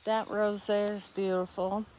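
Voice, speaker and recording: Slow, musing woman touring her garden. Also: medium pitch, a little hiss or hum. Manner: relaxed, musing, trails off mid-sentence. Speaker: garden vlogger. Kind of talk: casual garden tour narration. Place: outdoor garden.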